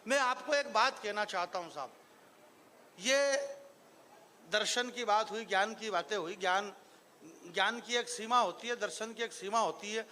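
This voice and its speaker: A man's voice: high-pitched, normal speed, pushed and bright, a little hiss or hum. A man from Marwar performing as a stage poet, mixing joking asides with rising declamation at a live event. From Marwar, Rajasthan. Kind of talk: live poetry recital with banter. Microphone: stage microphone.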